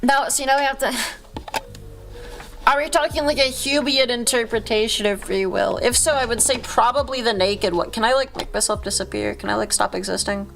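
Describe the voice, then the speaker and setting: Woman, gravelly fry, slightly high voice, casual streamer chatter, rambling and self-interrupting, sweary slang. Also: steady tone, brisk, a bit bright, a little hiss or hum. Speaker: livestream host. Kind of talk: casual livestream chat with viewers.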